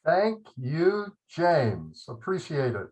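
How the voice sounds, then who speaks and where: A man presenting an online webinar, opening in a measured, unhurried way. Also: a little high, sing-song, darkish tone, low-quality recording.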